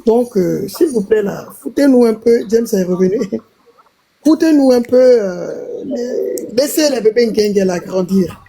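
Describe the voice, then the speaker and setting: Husky, mellow-voiced woman teasing. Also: a little high, animated, measured pace. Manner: teasing, laughs often. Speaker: panelist on a live stream. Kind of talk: casual live-stream chat.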